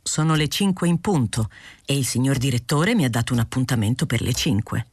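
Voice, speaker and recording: A woman voicing an aging male journalist who is mild, polite and quietly insistent, in a literary audiobook. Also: rumbling low, expressive, fairly quick, slightly rough, heavily acted.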